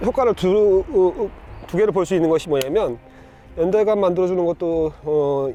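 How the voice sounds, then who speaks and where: Male bonsai grower, casual demo, a bit high-pitched, stop-start delivery over faint background music. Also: dark tone. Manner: halting, many fillers and restarts, pointing things out. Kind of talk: casual instructional demonstration.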